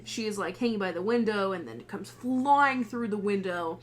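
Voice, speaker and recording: A woman's voice: medium pitch, normal speed, slight background noise. A young woman co-hosting a podcast, chatting animatedly and laughing as she recaps a film and acts out the characters' lines. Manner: animated, laughing, acting out quotes. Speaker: podcast co-host. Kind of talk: casual chat recapping a film.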